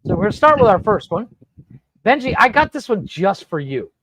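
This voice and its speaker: A man hosting a casual podcast, telling rambling, profane stories in an animated way. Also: high voice, a little fast, background noise. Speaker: podcast host. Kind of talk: casual storytelling chat. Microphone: podcast studio mic.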